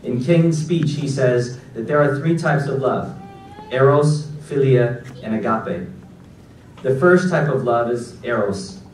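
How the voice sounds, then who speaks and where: A man in his forties from Los Angeles giving a graduation keynote speech at a podium, with a measured, deliberate delivery from a prepared text. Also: mid-range voice, a little mellow, slight background noise. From Los Angeles, United States. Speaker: keynote speaker. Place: large auditorium stage at a podium. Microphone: podium mic, recorded by a far audience camera. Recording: echoey hall recorded from far back.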